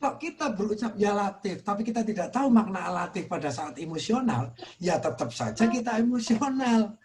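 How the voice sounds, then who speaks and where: An Indonesian man teaching in a religious study talk, earnest, softly repeating phrases for emphasis. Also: high voice, animated, fairly quick. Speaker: Islamic teacher.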